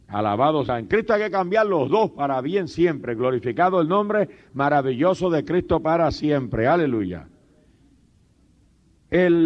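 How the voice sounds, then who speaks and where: A man preaching a sermon as pastor, fervent and humorous, breaking in often with praise to God. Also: fairly high pitch. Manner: humorous storytelling with laughs. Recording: dull lo-fi sermon tape.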